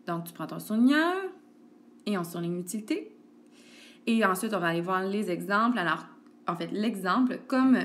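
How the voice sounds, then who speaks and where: A woman's voice: medium pitch, fairly bright tone. A woman, an elementary school teacher giving a recorded grammar lesson and speaking straight to a child, patient, with lots of "ok" and "donc". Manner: patient, addresses the child directly with frequent "ok" and "donc". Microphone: tablet screencast recording.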